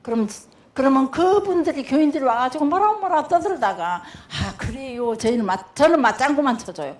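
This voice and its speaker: Older woman, pastor's wife, Jeolla accent, chatty church storyteller, slightly high voice. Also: sing-song, brisk, darkish tone. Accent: South Jeolla. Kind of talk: church testimony talk.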